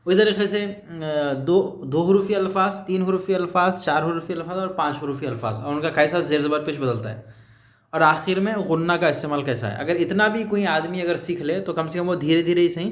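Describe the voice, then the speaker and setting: हैदराबादी लहजे वाला उर्दू शिक्षक, गूंजते कमरे में. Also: male voice, on the high side, reverberant. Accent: Hyderabadi. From Hyderabad, India. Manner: patient, explains with many fillers and pauses, drawn-out example words. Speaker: Urdu teacher. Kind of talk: explaining lesson.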